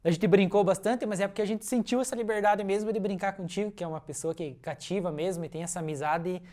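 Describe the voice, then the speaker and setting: A woman co-hosting a relaxed chat with a guest. She talks in a playful, teasing way and laughs easily. Her voice sits at an ordinary middle pitch. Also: quick pace. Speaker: co-host. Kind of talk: casual chat.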